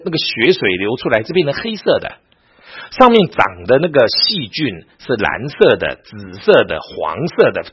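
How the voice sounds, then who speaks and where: A man's voice: medium pitch, breathy edge, muffled recording. A man, a pastor, lecturing a Bible class, telling stories and often asking his listeners rhetorical questions.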